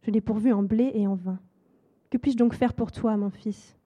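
A woman voicing a blind old patriarch who speaks in grave, measured pronouncements. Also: a little high, fairly even intonation, dark tone, breathy edge. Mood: solemn.

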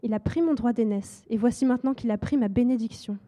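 A woman's voice: on the high side, fast, warm tone, natural voice. A woman voicing a wronged elder son who pleads with urgency. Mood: bitter.

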